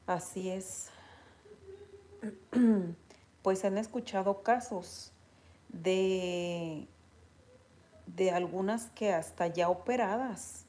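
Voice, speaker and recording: Speaking in a fairly low voice, a Mexican-accented woman talks informally with her audience. She reads out viewer comments and tells stories with lots of animation.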